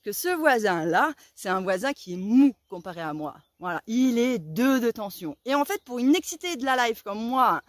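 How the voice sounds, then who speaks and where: A young woman tells a story to her viewers in a high, lively voice that swoops up and down. Her speech is casual and full of slang, and she acts out her own shouting. The sound is dry and close. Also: moderate pace, hardly any pauses, no room sound. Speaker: vlogger.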